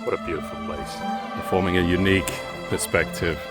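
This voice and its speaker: Talking a little fast in a low-pitched, steady voice over loud music, this travel vlogger strolls outdoors through a park. He is a native Bosnian speaker, and his commentary is chatty and wordy, with sightseeing flourishes.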